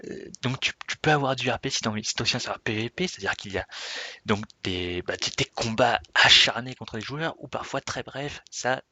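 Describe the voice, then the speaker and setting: A man's voice: medium pitch, fairly quick, pushed and bright, no echo. A man giving an unscripted, rambling introduction to himself and his gaming server, often correcting himself and laughing at himself. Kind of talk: unscripted casual vlog talk.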